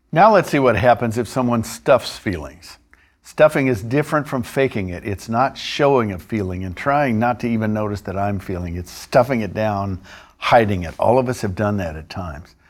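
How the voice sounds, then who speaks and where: Male instructor, husky and fairly low, measured explanatory lesson delivery. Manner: measured, explanatory, with occasional restarts. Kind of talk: narrated training lesson.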